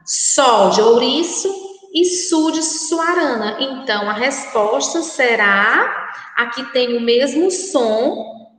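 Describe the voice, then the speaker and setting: Slow high-voiced Brazilian teacher, echoey room. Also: female voice, fairly bright tone. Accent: Brazilian Portuguese. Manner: slow, careful, repeats words for children to say aloud. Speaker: primary school teacher. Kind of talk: recorded remote lesson for children. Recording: very echoey room with long reverb.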